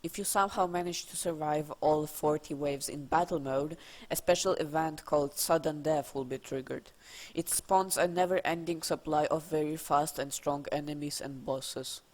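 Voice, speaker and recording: A person with a Russian accent narrating scripted game trivia for a video, with dry, deadpan, casual asides. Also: medium pitch, normal speed.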